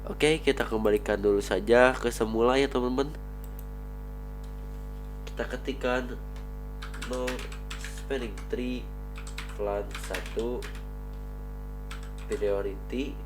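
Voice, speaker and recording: A networking instructor with a cold walks viewers through network switch configuration in a screen-recorded tutorial, talking them through each command as he types and treating them like friends. His medium-pitched voice is steady and slow, with long pauses, and music plays in the background.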